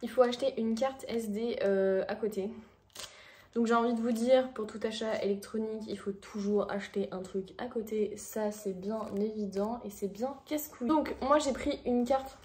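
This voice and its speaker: A woman's voice: a little high, normal speed, a little mellow. A young woman from France chatting casually as she unboxes a new camera, rambling with many fillers. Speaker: vlogger.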